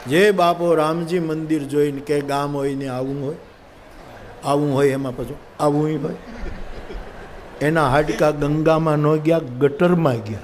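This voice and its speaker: A man telling a religious story to a live audience, animated and jokey, acting out the dialogue. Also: a little high, measured pace, some chatter behind, a little hiss or hum. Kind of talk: humorous live katha storytelling.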